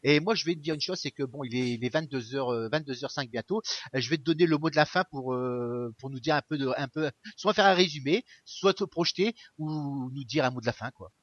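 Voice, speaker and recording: A man's voice: mid-range voice, fairly quick, a bit bright, no echo, lo-fi sound. A man co-hosting a casual web radio show, talking informally and directly to the guest. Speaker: radio co-host.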